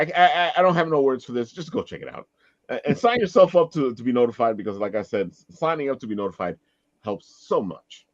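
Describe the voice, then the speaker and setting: This host speaks in a mid-range voice with a fairly bright tone, rambling and often giggling through an informal livestream chat that promotes crowdfunding projects. The lo-fi call audio is slightly dull, with no room sound.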